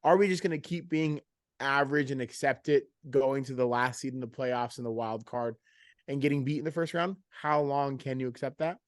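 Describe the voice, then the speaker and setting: Animated rambling man, dry close sound. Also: mid-range voice, normal speed, no echo. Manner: animated, rambling, self-interrupting. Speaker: podcast co-host. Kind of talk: casual sports chat.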